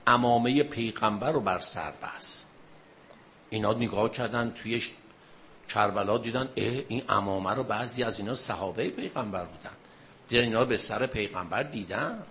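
A man's voice: lowish voice, fairly bright tone, slight background noise. A man preacher delivering a religious mourning sermon, retelling a martyrdom story with rising emotional intensity.

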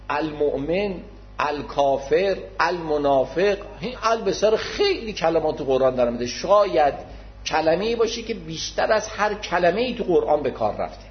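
A man gives an explanatory religious lecture, patient and formal, often repeating his key terms. His voice sits fairly high for a man. The recording is dull and lo-fi. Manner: modest, addresses listeners formally.

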